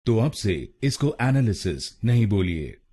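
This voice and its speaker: Slow, deliberate husky-voiced man teaching pronunciation. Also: lowish voice, sing-song, warm tone. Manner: deliberate, repeats words syllable by syllable. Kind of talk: slow scripted pronunciation lesson.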